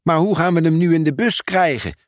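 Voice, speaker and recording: A man's voice: on the high side, brisk, no echo, clean studio sound, pitched above the performer's own voice, lightly acted. A man voicing a cheery, practical post office worker in a storybook reading. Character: practical adult male sorting-office worker.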